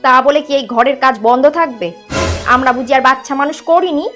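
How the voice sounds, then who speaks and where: Lady doing a nagging mother-in-law, high voice, faint music under it. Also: a little fast, a bit bright. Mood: scolding. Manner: scolding, bossy. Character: sharp-tongued middle-aged mother-in-law, doting on her own daughter. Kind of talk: sketch comedy acting.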